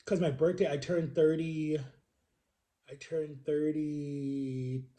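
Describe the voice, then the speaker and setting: This thirty-something vlogger talks slowly, addressing viewers like friends in a slightly high, very dark and relaxed voice. He rambles while telling stories, correcting himself and repeating words to stress them.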